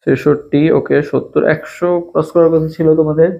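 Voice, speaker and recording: Young male tutor with a Bangladeshi Bengali accent, quick live-class delivery, repetitive drilling. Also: on the high side, level tone, creaky, dark tone, muffled recording. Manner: fast, repetitive, drills each question over and over. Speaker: admission test tutor. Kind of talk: live-streamed exam prep class.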